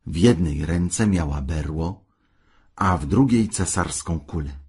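A man reading a fairy tale aloud with slow, expressive storytelling. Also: deep voice, breathy edge.

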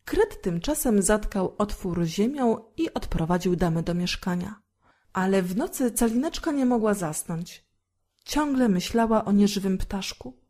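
A woman reads a fairy tale aloud in a gentle, expressive storytelling manner. Her voice is mellow and dark-toned, sitting at an ordinary pitch. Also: unhurried.

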